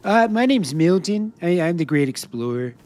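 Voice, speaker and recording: A man streaming a survival game, chatting in character and to his viewers, laughing often as he talks. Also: moderate pace. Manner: chatty, laughs often, lively swings in pitch. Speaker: streamer playing a role-play character. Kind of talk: live gameplay role-play chat.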